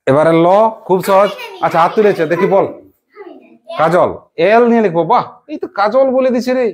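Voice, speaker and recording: A man's voice: high voice, expressive, brisk. A male teacher runs a classroom lesson, calling pupils by name and praising each answer. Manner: encouraging, quizzing pupils by name.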